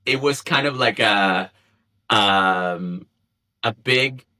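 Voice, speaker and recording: A man from Chile, a native Spanish speaker in his thirties, speaking in a conversational interview as a guest and often pausing with fillers and restarts. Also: lowish voice, pushed and bright. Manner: hesitant, many fillers and restarts. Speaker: guest, community founder.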